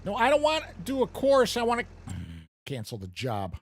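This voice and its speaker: Here a U.S. streamer talks at a moderate pace in a very high voice that swings hugely in pitch. He's playing a farming game live, wandering from topic to topic and chuckling self-deprecatingly.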